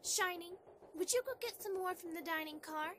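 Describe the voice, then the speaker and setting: A noisy home-mic recording carries a woman acting as a young pony princess with an extremely high voice. She is an affectionate, playful wife who coaxes and reassures earnestly, in amateur cartoon-style audio drama. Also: normal speed, a bit bright. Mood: playful pleading.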